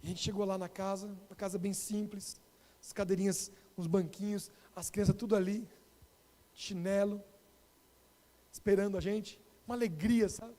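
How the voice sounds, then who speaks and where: A Brazilian pastor with a Brazilian Portuguese accent, telling a story in an animated sermon and addressing the congregation directly. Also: male voice, sits high, normal speed. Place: church. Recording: long reverb of a church hall.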